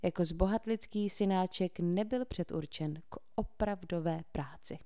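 Low-voiced woman reading a novel. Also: mellow, smooth, dry recording, clean studio sound. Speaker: audiobook narrator. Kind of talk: scripted narration.

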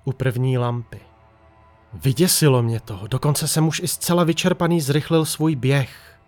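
Speaking at an everyday pitch, a man recounts a first-person horror tale, keeping his delivery quiet and strained. Soft music plays in the background.

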